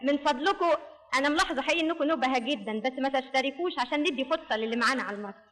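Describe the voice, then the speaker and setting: High-voiced Egyptian woman hosting a riddle quiz. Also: a bit bright, slight background noise. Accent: Egyptian Arabic. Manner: brisk and directing, sing-song when reciting riddles. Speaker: quiz show host. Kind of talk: live stage radio quiz, reciting rhyming riddles. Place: theatre stage with audience.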